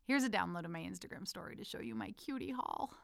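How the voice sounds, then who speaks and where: A woman's voice: lowish voice, huge pitch swings, fast, creaky, fairly bright tone, no room sound, studio quality. Intimate, playful woman reading her letter aloud. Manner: intimate and playful, addresses the listener as her love. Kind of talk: personal letter read aloud. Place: lives in Amsterdam.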